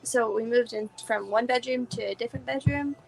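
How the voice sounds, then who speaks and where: Gravelly-voiced woman chatting casually. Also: on the high side, fairly quick, a little hiss or hum, low-quality recording. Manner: chatty, lots of fillers. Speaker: co-host guest. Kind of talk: casual live-stream chat.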